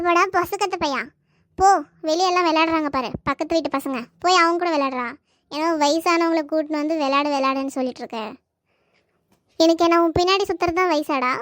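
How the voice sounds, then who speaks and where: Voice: extremely high pitch, fairly bright tone, no room sound, clean studio sound. A performer voicing a grumpy, sarcastic grandmother in a family comedy cartoon, scolding and brushing off her grandson. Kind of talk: family comedy skit dialogue.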